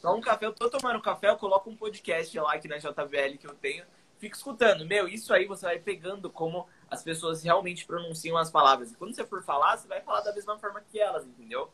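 A man from Brazil chatting casually as a podcast host, relaxed and full of filler words. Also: high voice, fast talker, breathy edge. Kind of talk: casual chat.

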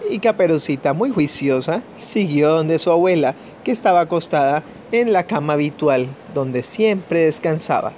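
A man from Colombia tells a children's fairy tale in a gentle, unhurried way, and his voice sits a little higher than usual for a man. Faint crickets and insects chirp behind him, and there is a light hiss of noise. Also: expressive. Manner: gentle, measured storytelling with small restarts. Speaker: family storyteller.

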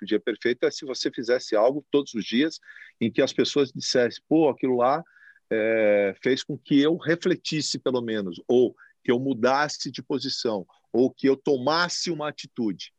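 A man who manages a TV station, answering interview questions in a reflective, expressive way and gesturing as he talks, recorded in a TV recording studio. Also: medium pitch, normal speed, dry recording, muffled recording. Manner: expressive, speaks with his hands.

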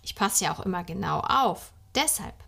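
A woman voicing an eager, excitable little boy, loud and playful. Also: mid-range voice, moderate pace, vocal fry, breathy edge, full character voice. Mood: excited.

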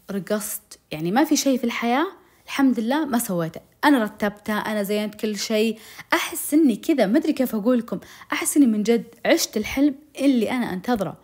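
Brief: young woman, rapid dramatic storytelling, emotional, mid-pitched. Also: a little mellow. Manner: emotional, breathless retelling with oaths and direct appeals to listeners. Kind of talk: dramatic first-person storytelling to viewers.

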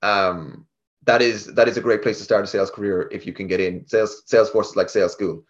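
Talking fast with fairly even intonation, a man with a fairly low voice and a west of Ireland accent shares his story as an interview guest; he leads a tech sales team. He is chatty and informal, often re-enacting conversations himself, and the highs in the recording are cut off.

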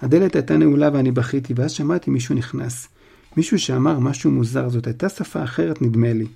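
Casting: touchy, dramatic teen girl ghost, whiny, pitched up with a husky grain, done by a male reader. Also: dark tone. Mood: self-pitying. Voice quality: whiny, self-pitying.

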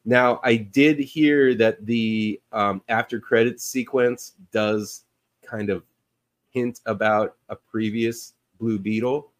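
A man's voice: lowish voice, steady tone, slow. A man co-hosting a podcast, chatting casually about comic book movies and rambling with many fillers and restarts. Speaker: podcast co-host.

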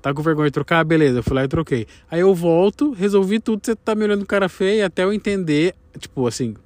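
A Brazilian man, a travel vlogger, telling a story with his partner in casual chat. He explains himself quickly and a bit defensively. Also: sits high, animated, darkish tone, dry recording. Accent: Brazilian Portuguese.

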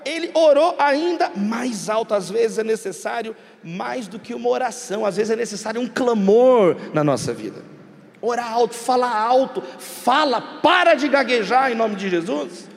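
A man preaching a sermon as pastor, joking and breaking into sudden shouts. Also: extremely high pitch, big-room sound.

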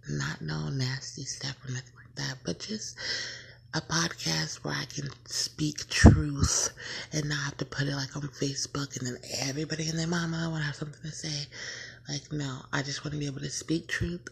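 A woman in her late 20s with a deep, slightly rough voice and some vocal fry hosts her own casual solo podcast intro. She rambles, often correcting herself and laughing at her slips.

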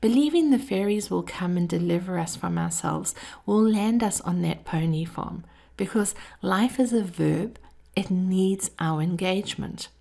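A woman podcast host giving a scripted motivational monologue in an intimate, measured way, her breathy voice often dropping toward a whisper. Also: on the low side, warm tone.

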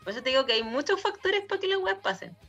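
A woman with a Chilean accent, chatting casually and telling animated, slang-heavy stories. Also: high voice, fast talker. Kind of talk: casual chat. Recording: dull lo-fi audio with faint music.

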